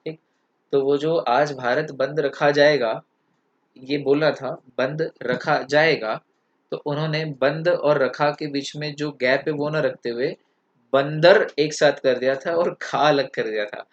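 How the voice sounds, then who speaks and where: A man's voice: a little high, fairly even intonation, a little slow, dull audio. A man teaching an English lesson, explaining points with stories and examples and switching between two languages. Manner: storytelling with examples, mixing Hindi and English. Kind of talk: classroom lecture.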